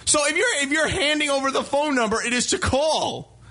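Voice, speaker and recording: Very high, bright-voiced sarcastic male co-host. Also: animated, brisk. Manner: sarcastic, teasing, mock-outraged. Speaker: radio show co-host. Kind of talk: casual crude radio banter.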